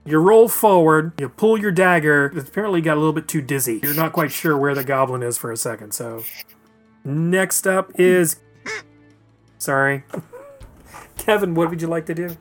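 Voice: mid-range voice, normal speed, soft background music. A game master running a tabletop role-playing session, narrating the action and laughing often.

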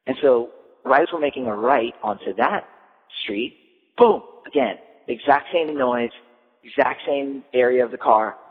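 A man's voice: medium pitch, a little slow. A man casually telling a long story, rambling with lots of "like" and "you know". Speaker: storyteller recounting a trip. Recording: tinny phone-like line with long reverb.

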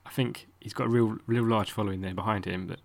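This is a man from Essex with the local accent and a fairly low voice. He hosts a podcast, putting questions and chatting in a casual, conversational way. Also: fairly even intonation, fast talker, creaky. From Essex, England. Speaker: podcast host, interviewer. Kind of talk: casual podcast interview chat.

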